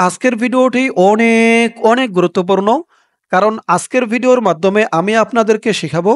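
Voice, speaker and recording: A man with a fairly high, smooth, clear voice teaches recitation slowly and patiently, spelling out each sound. He chants the recited words long and drawn out. The voice is recorded close and dry, with no room sound. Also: no echo. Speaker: religious teacher. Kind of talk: step-by-step recitation lesson.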